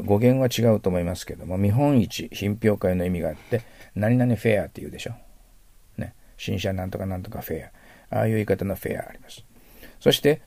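A Japanese man teaches English vocabulary in a patient lecture style, overdoing his pronunciation so learners can mimic it. His voice is low, dark and gravelly. The recording is close and dry. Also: dry recording.

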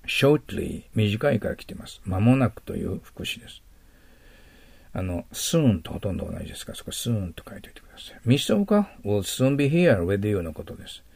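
Man, gravelly voice, dry close sound, patient vocabulary lesson. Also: fairly low pitch, big pitch swings, moderate pace, dry recording. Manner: explains words patiently, trailing into soft near-whispers. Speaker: English vocabulary teacher.

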